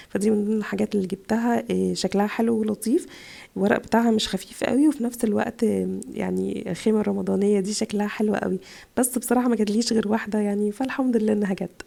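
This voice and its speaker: Very fast, gravelly Egyptian woman with a cold. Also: mid-range voice, dark tone. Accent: Egyptian Arabic. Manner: chatty, gushing over items. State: tired voice from a chest cold. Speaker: vlogger, mother. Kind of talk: casual haul video. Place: home in Italy.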